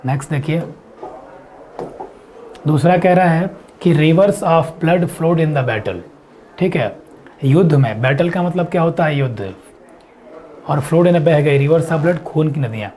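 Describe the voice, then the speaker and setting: A man teaching an exam-prep lesson, explaining step by step and answering his own questions, reading quiz lines slowly. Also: fairly high pitch, mellow. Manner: reads English quiz lines slowly and deliberately.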